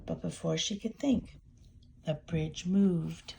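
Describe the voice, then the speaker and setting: An older woman, a sweet and gentle grandmother, reading a storybook aloud with chatty asides to small children. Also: on the low side, slow pace, gravelly, slight background noise.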